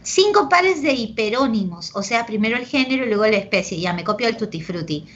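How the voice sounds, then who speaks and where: This woman's fairly high, a bit bright voice moves briskly and with animation as she teaches an online language class to pre-university students in a Peruvian Spanish accent. She explains with examples, checks in using "¿ok?" and "¿de acuerdo?", and shows affection for her students, though the audio is dull and lo-fi.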